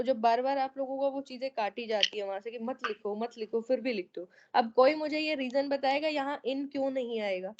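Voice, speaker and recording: A woman's voice: on the high side, darkish tone, lo-fi sound. A woman teaching an online class, going over students' essays and often checking that they follow. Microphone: online meeting audio.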